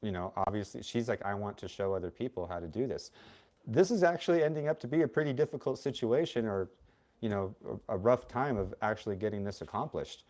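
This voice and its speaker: Blunt, outspoken man with a low voice. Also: quick pace, darkish tone. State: has the hiccups. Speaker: co-host. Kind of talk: casual livestream chat.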